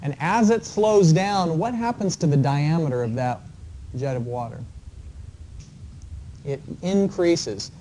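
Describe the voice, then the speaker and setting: A man lecturing to an engineering class in a mellow, unhurried voice, talking through a homework problem with plenty of fillers. Faint background noise sits under the recording of the live classroom. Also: on the high side, rough recording. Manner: relaxed, explanatory, with frequent fillers. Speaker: engineering professor.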